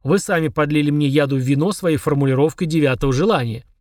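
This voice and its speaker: A man's voice: fairly high pitch, quick pace, darkish tone, dry recording, lightly acted. A man voicing a small, spiteful, grumpy demon who grumbles and snaps sarcastically, in a dry close recording. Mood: grumbling. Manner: grumbling, sneering, snapping.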